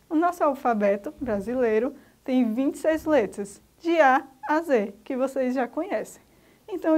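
A Brazilian woman teaching a recorded grammar lesson, her voice sitting high. She speaks slowly and didactically, naming each letter one at a time for young pupils. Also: darkish tone. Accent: Brazilian Portuguese.

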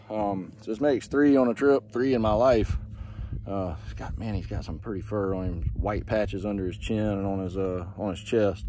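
A man's voice: on the low side, poor audio. Laid-back man vlogging outdoors on a beach. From South Carolina. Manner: laid-back and excited, talking while walking. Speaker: trapper. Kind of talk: casual outdoor vlog. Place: outdoors on coastal marsh and beach. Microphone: phone held at arm's length. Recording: outdoor wind and ambient noise.

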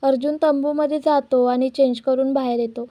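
A woman reading a scripted recap of a television serial in an even storytelling manner. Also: high-pitched, normal speed, muffled recording. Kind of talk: scripted narration.

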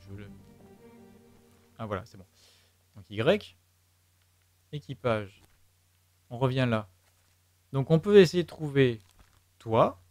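A man with a French accent streaming a game, thinking aloud and muttering to himself and his chat as he works through a puzzle. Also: medium pitch. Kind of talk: live let's play commentary.

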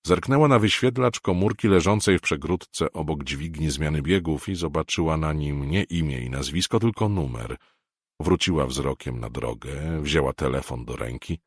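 A man from Poland reading a novel aloud as an audiobook narrator, measured and expressive. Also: a bass voice, husky, dry recording, clean studio sound.

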